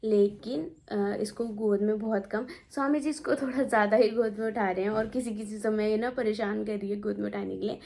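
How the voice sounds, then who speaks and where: A woman's voice: medium pitch, steady tone, brisk, vocal fry, hardly any pauses, dark tone, a little hiss or hum. A young woman chatting casually for her home vlog, rambling and repeating herself as she talks. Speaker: family vlogger. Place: at home indoors.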